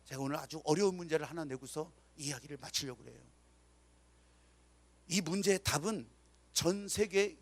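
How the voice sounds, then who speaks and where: A male pastor preaches a sermon full of dramatic storytelling, acting out the people in his stories and emphatically calling for amens. His voice is fairly high and fairly bright, with no echo.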